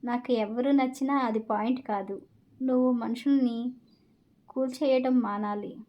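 A woman's voice: on the high side, steady tone, measured pace, highs cut off, natural voice. A woman reading the lines of a fair-minded young man who reasons earnestly with a friend.

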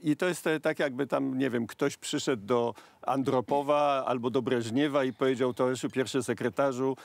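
Middle-aged male pundit, gravelly timbre, dry close studio sound, sardonic and animated. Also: medium pitch, normal speed, no echo. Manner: animated, gesturing, sardonic asides. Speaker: political commentator. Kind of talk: studio panel discussion. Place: TV studio set. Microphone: lapel mic.

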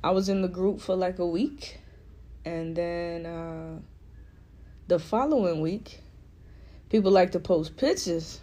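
A woman with a low, mellow voice tells a story on a casual podcast. She is playful and expressive and lingers on her words for effect. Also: slow pace, pauses often. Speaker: podcast co-host.

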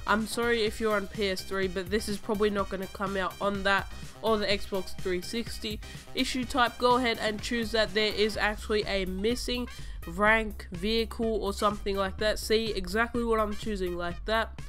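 Stuffy from a cold, this young gaming-channel host talks viewers through a tutorial, going over each step again in a chatty, casual tone. Her mid-range voice stays steady and a bit bright at a normal speed. She's recording at home over gameplay footage, and soft music plays behind her.

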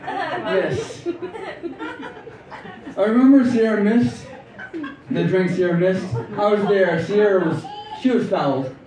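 A man doing an open-mic stand-up set on a club stage, talking in a halting, rambling way with many restarts. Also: high-pitched, expressive. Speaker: stand-up comedian. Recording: distant, echoey club with loud crowd. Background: audience laughter.

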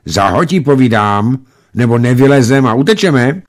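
A man reading a story aloud and voicing a young village boy, suspicious and shrill. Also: big pitch swings.

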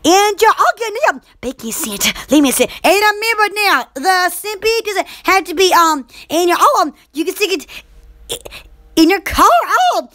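Giddy high-voiced young Southern woman. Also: big pitch swings, moderate pace, pushed and bright. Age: young adult. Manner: giddy, squealing, repeats herself, rambling. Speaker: live-stream host. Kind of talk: excited live-stream chat. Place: small bedroom indoors. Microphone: webcam close up.

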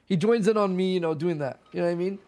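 A man's voice: high voice, fast, darkish tone. A man streaming and chatting casually with friends, laughing often as he tells stories.

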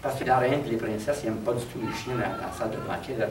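A man with a Québécois accent telling a traditional folk tale in an animated, dramatic way. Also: medium pitch, fast talker, background noise. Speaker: storyteller. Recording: roomy, distant mic, faint background.

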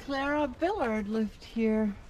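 A woman's voice: a little high, lively intonation, slow pace, darkish tone. Chatty woman vlogging from a sailboat. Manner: chatty, marvelling, laughs often. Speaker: sailing vlogger. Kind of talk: casual vlog narration to camera. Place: sailboat deck in snow, then boat cabin. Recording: wind and water noise outdoors.

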